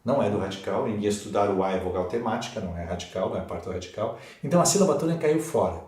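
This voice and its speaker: A Brazilian man teaching a Portuguese grammar lesson for exam prep, in a slow and emphatic way. He repeats key words and checks in with the class. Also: lowish voice, lively intonation, a little mellow. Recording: echoey room.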